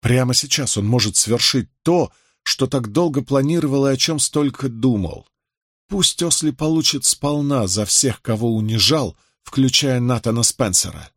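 A man reading a novel aloud as an audiobook narrator, in an expressive, dramatic manner. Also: mid-range voice, normal speed, no echo, clean studio sound. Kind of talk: scripted literary narration.

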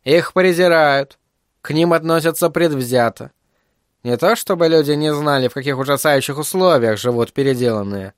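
A man's voice: on the high side, clear, resonant tone, dry recording, clean studio sound, lightly acted. A man voicing a thoughtful, guarded adult woman journalist in an audiobook. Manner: measured, thoughtful.

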